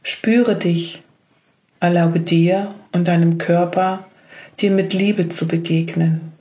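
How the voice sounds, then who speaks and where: Female meditation guide; calm, level delivery, unhurried pace. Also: fairly low pitch. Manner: slow, gentle spoken instructions.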